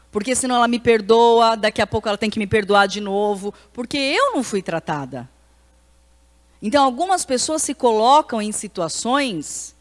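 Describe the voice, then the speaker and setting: Frank Brazilian woman pastor, reverberant hall. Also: on the high side. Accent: Brazilian Portuguese. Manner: conversational, frank, repeats "né?" and restarts often. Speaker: pastor teaching a ministry class. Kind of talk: informal church teaching with audience questions. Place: church hall with a live audience. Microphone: handheld microphone. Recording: long church-hall reverb.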